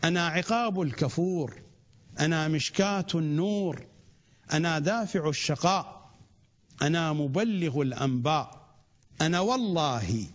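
A man reciting a rhymed sacred text in a steady, chant-like cadence, opening each line the same way and pausing to explain terms. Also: fairly high pitch. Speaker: religious reciter. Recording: dull lo-fi recording.

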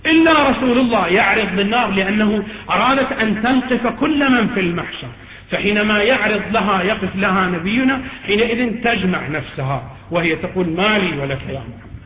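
Male preacher with a strikingly high voice and emphatic delivery, heard through a lo-fi recording in a long-reverb hall. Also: expressive, a little fast. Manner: emphatic, rising into chanted, wailing supplication. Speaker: cleric. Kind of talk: sermon. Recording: echoey hall on a tinny, lo-fi recording.

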